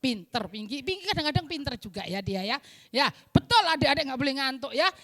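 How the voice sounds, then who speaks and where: A woman's voice: high voice, lively intonation, fast, a bit bright. A woman teaching Sunday school, telling a story to children in a playful, coaxing way.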